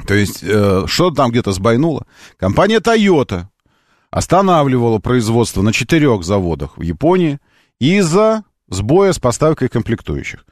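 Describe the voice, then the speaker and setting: Male talk-radio host: argumentative, emphatic, repetitive phrasing, highly animated pitch, dry studio sound. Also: moderate pace, dry recording. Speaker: radio call-in show host. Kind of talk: live car talk radio, conversational monologue.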